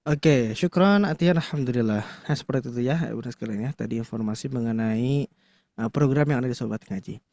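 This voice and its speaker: A man teaches a Quran recitation class to a live audience in a medium-pitched, slightly mellow voice, talking fairly quickly with no echo. He's conversational and full of fillers, frequently saying "nah" and pausing to quiz the room.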